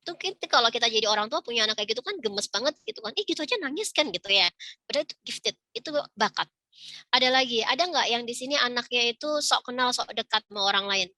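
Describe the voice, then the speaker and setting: A woman's voice: on the high side, fast talker, pushed and bright, no room sound. A middle-aged woman speaking on a video call, giving a casual parenting talk and acting out little dialogues with children. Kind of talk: informal webinar talk.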